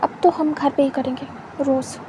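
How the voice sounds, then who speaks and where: A woman voicing a confident, possessive young man who speaks softly and teases. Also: level tone, normal speed, slight background noise, natural voice. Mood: teasing. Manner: soft, low-key teasing.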